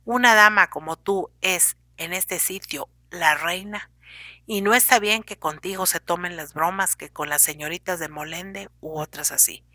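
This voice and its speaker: Ailing older husband, stern, reproachful, lecturing, read by a woman, bright clear tone, dry close sound. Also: fairly low pitch, dry recording. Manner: lecturing, complaining, pleading.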